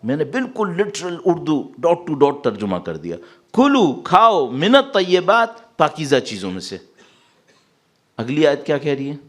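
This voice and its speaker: Man, sermon preacher, mid-pitched, very animated delivery. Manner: mixes English words into Urdu speech. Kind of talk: Muharram majlis sermon. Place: large mosque hall with a congregation.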